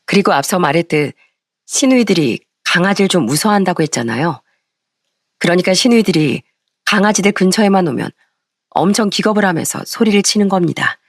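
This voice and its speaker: A woman narrating a first-person story in a lively, indignant tone. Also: on the low side, brisk, no room sound, studio quality.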